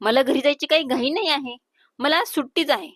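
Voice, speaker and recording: A woman voicing a confident, teasing young husband in a storybook romance, dropping her voice lower and keeping it calm. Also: brisk, no room sound, studio quality.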